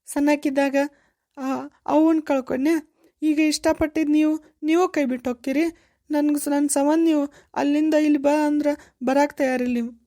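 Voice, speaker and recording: A woman's voice: a little high, little pitch movement, normal speed, warm tone, lightly acted. A woman voicing a devoted young village woman. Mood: tearful. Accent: North Karnataka Kannada. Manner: pleading, tearful, insistent. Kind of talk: cartoon voice acting.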